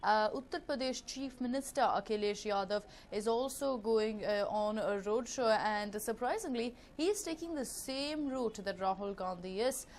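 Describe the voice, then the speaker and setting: Indian-accented woman reporting news over clear noise. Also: fairly high pitch, normal speed, few pauses. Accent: Indian English. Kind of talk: live news commentary. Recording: clearly noisy live broadcast ambience.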